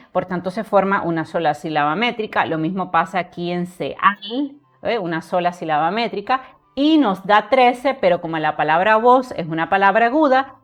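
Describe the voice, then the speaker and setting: A woman's voice: lowish voice, highs cut off. A woman teaching literature, explaining poetic meter and counting syllables aloud to her viewers. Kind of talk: recited poem, then lesson.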